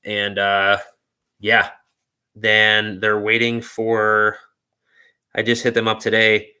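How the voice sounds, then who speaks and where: Young male host, lowish bright voice, loose laid-back live-stream chatter full of fillers. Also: completely flat delivery, slow pace, clear, resonant tone. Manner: loose, rambling, heavy on "like" and "dude". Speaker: car channel host. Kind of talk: casual live stream chat.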